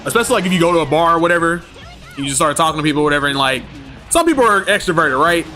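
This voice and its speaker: A fairly high-voiced man chats casually on a game stream, telling stories in loose slang and breaking into laughter often. His tone is bright and forceful. Faint game music plays underneath. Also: expressive, racing. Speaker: gaming streamer. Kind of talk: casual livestream chat.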